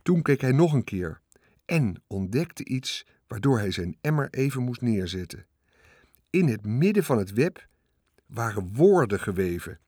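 A man reading a children's storybook aloud in calm, measured narration. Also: medium pitch, slightly rough, no echo, clean studio sound. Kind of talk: scripted audiobook narration.

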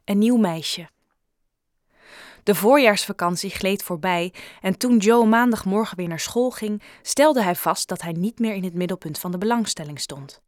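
A woman's voice: mid-range voice, dry recording, clean studio sound. Woman narrating a children's story. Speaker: audiobook narrator. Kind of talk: scripted narration.

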